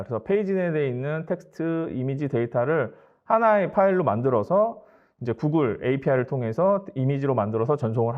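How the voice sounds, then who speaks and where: A company presenter with a medium-pitched voice delivers a formal, polite, matter-of-fact business tech presentation, explaining slides step by step. The audio sounds dull.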